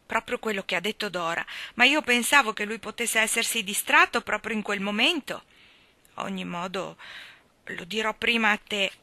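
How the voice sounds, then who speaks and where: A woman's voice: medium pitch, normal speed, sharp tone, no room sound. A woman reading an audiobook, voicing a mischievous, contrite small boy in an emphatic, pleading way. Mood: confessing. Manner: pleading, emphatic childlike delivery.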